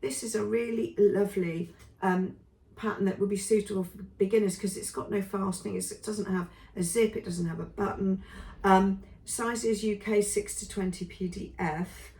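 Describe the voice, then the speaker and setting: A woman reviewing sewing patterns in a chatty, casual way with lots of ums, her voice going hoarse. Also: medium pitch, steady tone, moderate pace, mellow, reverberant, recorded from a distance. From England. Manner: chatty, many ums and trailing lists. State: losing her voice. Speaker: sewing vlogger.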